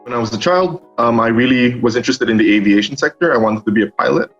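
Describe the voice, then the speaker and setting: A young man from Singapore, a master's student, answering interview questions in a halting way full of ums and restarts. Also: mid-range voice, fairly bright tone. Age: young adult. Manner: hesitant, many ums and restarts. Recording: dull lo-fi sound with faint music.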